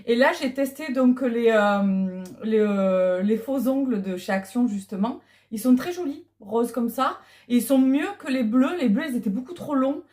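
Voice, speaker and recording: A woman's voice: a little high, lively intonation, normal speed, few pauses, a little mellow. A middle-aged woman chatting casually on a clip-on mic, hesitant with many fillers. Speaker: vlogger. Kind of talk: casual unboxing chat. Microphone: clip-on lapel mic.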